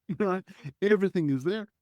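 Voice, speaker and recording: A Hebrew-speaking Israeli man in his forties tells his life story conversationally as an earnest, reflective guest, clearing his throat often. His voice is high-pitched and somewhat dark in tone, and he talks fairly quickly. The sound is dry and close, with no echo.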